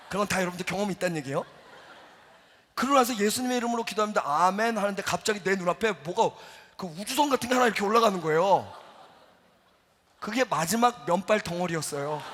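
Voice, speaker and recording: A middle-aged man preaching a sermon as a pastor, telling a story with lively acted-out quotes. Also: high-pitched. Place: church sanctuary. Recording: church hall reverb.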